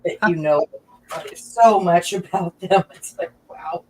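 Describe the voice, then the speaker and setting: A woman's voice: lowish voice, slow pace, a little mellow, a little hiss or hum, poor audio. A woman co-hosting a live online sales show, chatting casually and asking friendly, enthusiastic questions. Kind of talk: casual chat.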